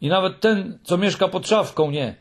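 A man voicing a young male Moomin troll, loud and defiant, from a storybook. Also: high voice, moderate pace, pitched above the performer's own voice. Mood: lonely. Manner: loud, defiant singing recital.

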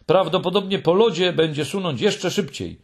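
A tiny, bold little girl creature, put on by a man, brisk and teasing. The voice sits high and stays a bit husky. It comes from a children's storybook reading.

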